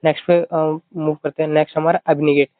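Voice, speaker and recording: A man's voice: on the high side, flat delivery, fairly quick, no echo. A man teaching an exam-prep vocabulary lesson, repeating himself often and explaining words with mnemonics. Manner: repetitive, keeps saying "theek hai", explains with mnemonics. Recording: thin phone-like dry audio.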